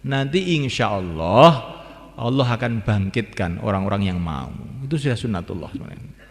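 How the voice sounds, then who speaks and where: A man preaching a sermon in a repetitive, emphatic way, swinging between soft and loud. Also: on the low side, lively intonation, moderate pace. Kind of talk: sermon to a gathering. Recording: echoey hall with long reverb.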